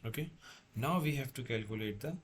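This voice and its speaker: A man lecturing as a tutor, working through a problem step by step in a halting way, repeating and correcting himself. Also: medium pitch, lively intonation, a little hiss or hum. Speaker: engineering tutor.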